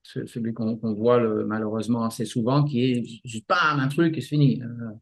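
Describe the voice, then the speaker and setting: Male martial arts teacher, halting, vivid examples, guest interview. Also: medium pitch, flat delivery, a little mellow. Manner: halting, many restarts, explains with images. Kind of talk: casual explanatory interview.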